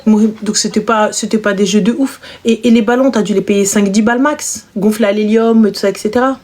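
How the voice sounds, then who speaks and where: A woman hosting a live stream, chatting casually and teasingly with callers, switching between languages. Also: a little fast. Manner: animated, mixes French with Arabic and English, mocking shrill imitations.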